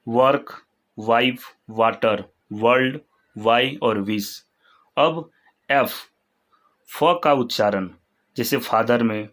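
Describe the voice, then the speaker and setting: Very slow, deliberate male pronunciation teacher. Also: medium pitch, poor audio. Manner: slow, deliberate listing of example words. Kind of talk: pronunciation lesson.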